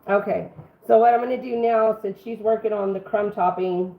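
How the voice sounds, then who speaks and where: A middle-aged woman with a rough voice from being sick, chatting casually to viewers as she hosts a live home cooking stream. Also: mid-range voice, fairly even intonation, normal speed. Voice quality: rough, congested-sounding voice. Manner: folksy, chatty, addresses viewers by name. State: sick for two weeks, throat-clearing. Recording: roomy, band-limited phone-like stream, faint noise.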